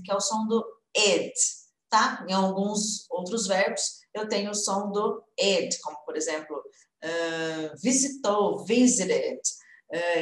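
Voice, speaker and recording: A young adult woman with a Brazilian Portuguese accent, teaching an online English lesson in a lively way and slowly repeating example words. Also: medium pitch. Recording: roomy indoor echo.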